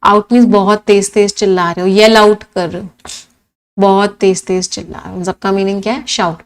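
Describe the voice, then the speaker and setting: In a smooth, fairly quick voice of medium pitch and level tone, a woman teaches English vocabulary for exams, mixing Hindi and English. She poses questions, answers them herself, and repeats every meaning.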